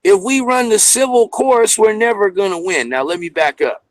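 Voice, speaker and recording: A man's voice: sits high, moderate pace, no echo. A man joining a live panel over a choppy remote conference-call line from a car, explaining point by point. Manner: explains point by point, often calls people "bro". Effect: choppy remote conference-call audio breaking up. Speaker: guest panelist.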